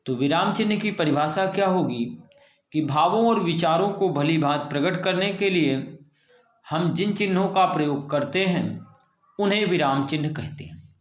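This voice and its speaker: A man's voice: fairly high pitch, highs cut off. A male school teacher gives a patient, explanatory grammar lesson to students and repeats the key points. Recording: echoey room.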